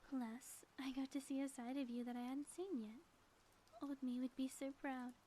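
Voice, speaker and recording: Playing a sappy, theatrical former-villain wife for an intimate ASMR roleplay, a woman speaks in a high, mellow, breathy voice that teases and slips toward whispering, with faint noise behind it. Her tone stays steady at a moderate pace, lightly acted. The mood is fond and teasing.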